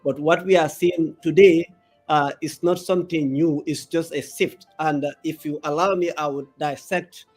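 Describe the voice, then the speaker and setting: Halting Gambian male political analyst. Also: on the high side, steady tone, darkish tone, faint music behind. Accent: Gambian English. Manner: halting, with many filler pauses. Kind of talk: live interview answers.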